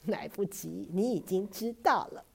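Woman reader doing a firm storybook father who softens. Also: mid-range voice, moderate pace, creaky, background noise, natural voice. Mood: gentle. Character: stern but caring father.

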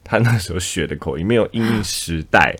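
A man with a distinctly low voice and a Taiwanese Mandarin accent. His intonation moves around a great deal as he chats casually. He co-hosts, explaining things with everyday examples. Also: lively intonation, brisk, fairly bright tone, husky. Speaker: podcast co-host. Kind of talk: casual chat.

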